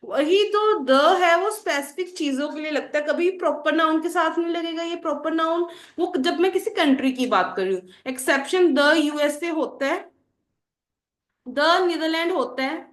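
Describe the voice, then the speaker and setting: A woman's voice: sits high, a bit bright. A woman teacher explaining English grammar to students, asking the class questions and answering them herself. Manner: addresses students as children. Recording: roomy echo.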